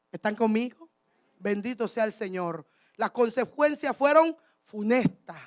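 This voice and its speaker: A woman preaching a sermon, speaking emphatically and calling out to her congregation. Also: fairly high pitch.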